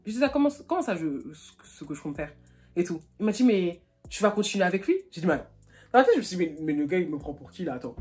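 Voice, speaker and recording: A young woman from France telling a storytime vlog in a slangy, animated way, acting out both sides of the dialogue. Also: lowish voice, fast, faint music behind. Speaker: YouTuber. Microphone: phone camera.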